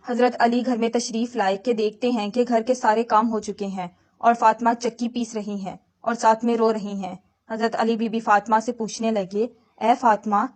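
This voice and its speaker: A woman telling an emotional religious story in an earnest, sorrowful way, speaking directly to the listener. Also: on the high side.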